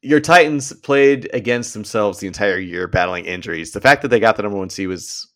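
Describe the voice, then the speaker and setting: A man's voice: lowish voice, a little fast, fairly bright tone. A man in casual sports chat on a podcast, friendly and chatty, laughing often and drifting into side stories. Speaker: podcast co-host.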